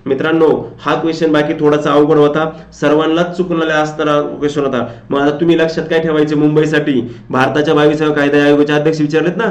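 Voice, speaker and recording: A man's voice: fairly high pitch, flat delivery, fast, hardly any pauses, echoey room, highs cut off. A man, teaching an exam coaching lecture, who works through questions and repeats them back to his students.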